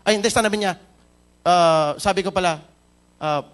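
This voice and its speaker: Man, pastor, Filipino accent, sermon, high-pitched, questions to the congregation. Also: moderate pace, a bit bright. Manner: mixes Tagalog and English, storytelling, asks the crowd questions. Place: church.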